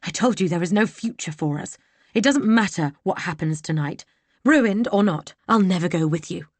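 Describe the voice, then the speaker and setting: A woman's voice: lowish voice, animated, normal speed, no echo. Woman voicing a defiant young lady. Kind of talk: audiobook character voice.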